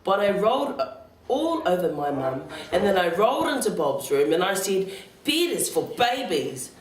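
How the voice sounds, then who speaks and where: A woman storyteller reading a children's picture book aloud with expressive, sing-song delivery. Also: fairly low pitch, moderate pace. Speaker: library storyteller. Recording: roomy, distant library recording.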